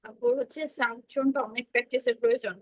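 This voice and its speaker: A woman's voice: a little high, fairly even intonation, fast. A woman teaching Arabic letter pronunciation in an online class over a video call, patiently repeating sounds for students to echo. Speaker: Quran recitation teacher.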